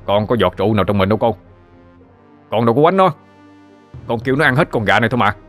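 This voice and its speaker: A man voicing a hot-tempered, abusive husband, shouting and cursing. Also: medium pitch, sing-song, moderate pace, faint music behind, pitched above the performer's own voice. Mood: furious.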